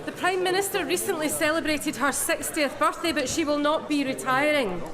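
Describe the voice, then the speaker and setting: A woman's voice: high-pitched, moderate pace. A woman member of parliament in heated debate, impassioned and accusatory, repeating phrases for emphasis. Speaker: member of parliament questioning the Prime Minister. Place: large debating chamber. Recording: echoey chamber with crowd noise.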